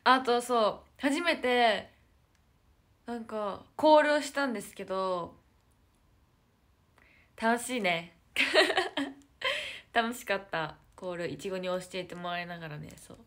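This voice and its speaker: Her voice is fairly high, a bit bright and very animated, yet slow, with frequent pauses. A young woman with a lilt, she's an idol live streamer chatting casually with viewers on her phone, searching for words and whispering asides.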